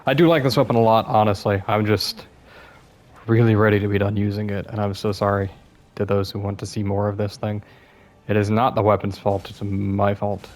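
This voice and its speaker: A young man giving casual, self-deprecating commentary over his gameplay, sounding a bit worn out and apologizing often. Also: fairly low pitch. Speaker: gaming YouTuber.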